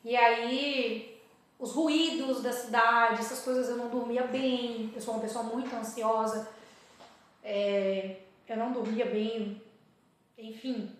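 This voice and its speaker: A woman from Salvador speaks in a fairly high voice, chatting as a dentist guest in a casual interview. She tells her story and acts out her own past remarks as quotes. The sound is very echoey, as in a large bare room. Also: fairly even intonation, slow pace. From Salvador, Bahia, Brazil.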